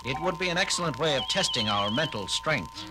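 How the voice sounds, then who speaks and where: An actor playing a decisive starship captain, speaking in a clipped, commanding, emphatic way in an audio drama. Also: male voice, on the high side, expressive, a little fast, over loud music, lightly acted, low-quality recording. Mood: sharp. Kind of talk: 1970s audio drama acting.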